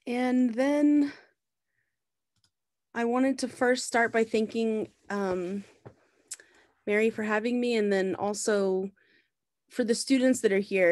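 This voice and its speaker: A woman's voice: medium pitch, a little mellow, dry recording, clean studio sound. A woman in her thirties, raised in the Bahamas, gives an easygoing slide talk over a video call, with many ums and restarts. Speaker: visiting artist giving a talk. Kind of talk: presenting slides in a lecture.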